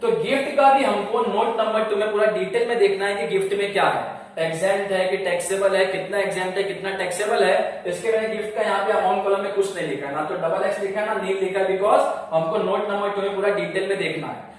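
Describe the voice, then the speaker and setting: A man teaching a class, asking quick questions and answering them himself and repeating the key points. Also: sits high, fairly even intonation. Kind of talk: classroom lecture. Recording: echoey room, mic far off.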